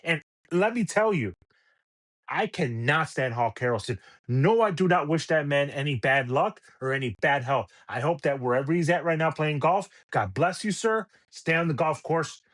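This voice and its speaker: On his podcast, a middle-aged host delivers an opinionated sports rant, venting at sports radio through exasperated rhetorical questions. He speaks at a moderate pace in a fairly bright, higher-than-average voice with lively intonation.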